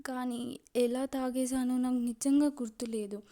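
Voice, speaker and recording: Woman doing a tearful young heroine in a romance audio story, begging forgiveness in a trembling, mellow, highish voice. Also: level tone, a little slow. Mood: tearful pleading. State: crying, voice breaking.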